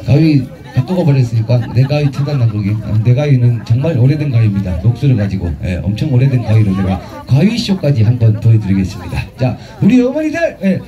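A man emceeing a street performance at an outdoor festival, teasing the crowd with crude jokes and shouting music cues. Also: mid-range voice, very animated, a little fast, few pauses, lo-fi sound.

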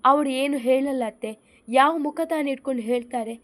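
A heartbroken young wife from a spoken love story, tearful and bitterly accusing, as a woman reads her part. Her voice sits high. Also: moderate pace, natural voice.

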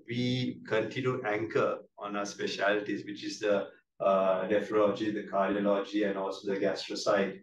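On an earnings call, a Sri Lankan-accented company executive fields questions in a halting, measured way, frequently repeating words. His voice is fairly low and the audio is lo-fi. The mic sits at a distance in a roomy space, with background noise clearly audible.

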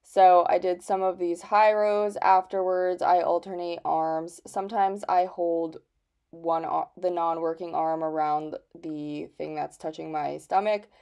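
A woman's voice: lowish voice, flat delivery, measured pace, creaky, darkish tone. A young woman talking casually to her phone camera in a vlog, chatty, with lots of fillers and the odd swear word. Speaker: vlogger. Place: gym, then at home.

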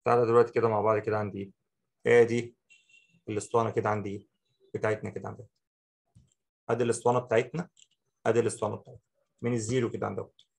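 A man with an Egyptian accent teaching a software tutorial, talking the viewer through each step and repeating short phrases. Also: on the low side, level tone, very fast, vocal fry, long pauses, breathy edge. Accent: Egyptian Arabic. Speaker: Photoshop instructor. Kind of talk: screen-recorded software tutorial.

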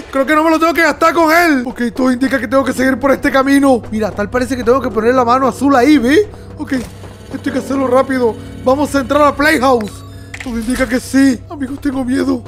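High-voiced excitable man gaming. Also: brisk. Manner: excitable, talks to viewers, yelps and laughs at scares. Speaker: gamer. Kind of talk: let's-play commentary. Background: game music.

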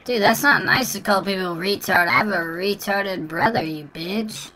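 A man's voice: high voice, normal speed, over a noisy crowd. A man using a voice changer to play an obnoxious, crude little kid who taunts other players in online game chat. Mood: taunting. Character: obnoxious trash-talking little kid gamer. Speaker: prank gaming video host.

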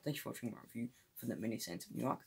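A man's voice: mid-range voice, expressive, racing, creaky, a little mellow, breathy edge. A man giving a casual solo movie review, hesitant and full of fillers, often tripping over names.

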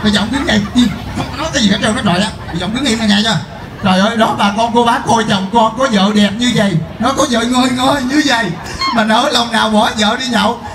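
A man playing a loud, jealous wife who wails and scolds while hunting down her drunk husband in a live comedy skit. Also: extremely high pitch, fast, roomy sound, background noise. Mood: shrieking. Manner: wailing, scolding, crying out to the crowd.

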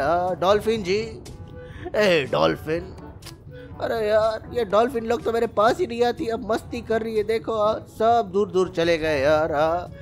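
A male gaming YouTuber giving playful, excitable let's-play commentary and chattering to the animals in his game. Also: sits high.

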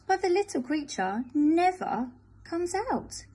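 A woman teacher reading a picture book aloud to children, expressive and gentle. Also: very high-pitched, slow, poor audio. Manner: expressive, sing-song, gentle.

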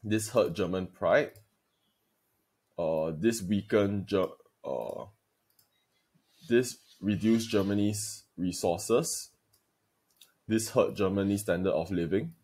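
Speaking straight to his students in a recorded video lesson, a secondary school history teacher lectures deliberately and emphatically. His voice is on the low side, with a darkish tone and a breathy edge.

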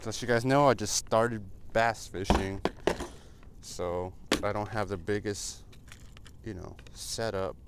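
With a fairly low pitch, steady tone and unhurried pace, an American man in his twenties vlogs casually to camera, laid-back and meandering. He's filmed in a small car and in open parking lots on a noisy action camera, mounted or at arm's length, amid car and outdoor sounds.

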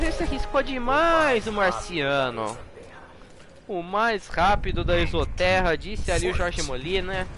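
A man with a Brazilian accent giving excitable, slangy live fighting game commentary, full of jargon. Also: high voice. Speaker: esports match commentator. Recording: game music behind the voice.

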